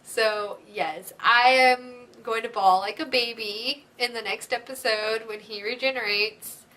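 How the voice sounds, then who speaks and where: A woman hosting a vlog, chatting casually and excitedly, with frequent giggles and gushing asides. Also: a little high, measured pace. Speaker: vlog host. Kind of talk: casual fan chat.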